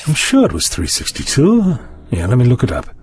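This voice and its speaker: A man's voice: medium pitch, huge pitch swings, brisk, a little mellow. A man playing an eccentric, curious time-travelling doctor in an audio drama, polite but dismissive, with a musing theatrical delivery. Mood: intent, investigative. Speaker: lead actor in an audio drama.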